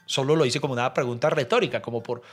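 A Colombian man, a comedian, telling a story in an animated, slangy way and slipping into put-on voices. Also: mid-range voice, racing, slightly rough. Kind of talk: comic storytelling.

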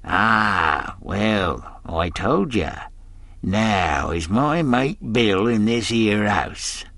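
A man's voice: fairly low pitch, lively intonation, extremely slow, vocal fry, a bit bright, no room sound, heavily acted. A man voicing a sinister middle-aged pirate who talks in a half-fawning, half-sneering drawl. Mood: leering. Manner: leering, wheedling drawl.

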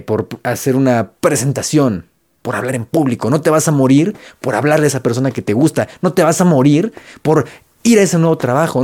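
This man has a fairly high, slightly mellow voice and a Mexican Spanish accent. He's a motivational vlogger giving a casual pep talk to the camera, chatting with slang and repeating phrases for emphasis.

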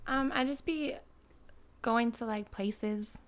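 A woman's voice: fairly high pitch, takes it slowly, clear, resonant tone. A woman guest on a podcast, talking in a laid-back, slangy way with lots of fillers, born in Russia and raised in Canada. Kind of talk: casual chat.

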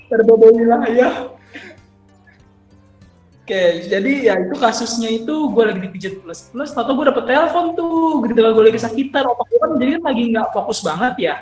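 A man telling a story casually among friends, animated and acting out the voices of the people he quotes. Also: extremely high pitch, quick pace, hardly any pauses, faint music behind, rough recording. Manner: animated, acts out the phone caller's lines.

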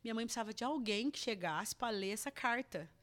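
A woman's voice: a little high, animated, brisk, a bit bright. A woman with a Brazilian Portuguese accent, a guest telling a personal testimony in earnest, emotional chat with many restarts.

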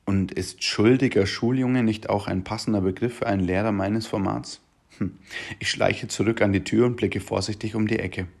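Casting: a man reading a comic diary aloud, dry and self-mocking, slightly low voice. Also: fairly even intonation, normal speed, gravelly, a little mellow. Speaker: teacher. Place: home.

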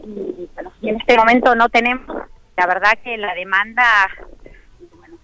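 A woman's voice: a little high, normal speed, a bit bright, slight background noise. An Argentine woman, a charity volunteer, talking in an earnest, plain way over a mobile phone line that keeps breaking up in choppy dropouts. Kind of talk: interview by phone.

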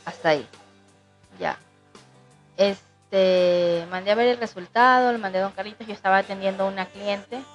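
Young woman telling a story casually, very animated, does everyone's voices, faint music behind. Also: mid-range voice, normal speed, lo-fi sound. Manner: animated, acts out other people's voices. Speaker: co-host telling her story. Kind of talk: casual chat, personal storytelling.

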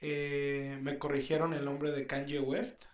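A man's voice: fairly high pitch, flat delivery, a little slow, reverberant. A young Mexican man co-hosting a podcast in casual, slangy chat, often mimicking other people's voices. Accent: Mexican Spanish. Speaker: podcast co-host.

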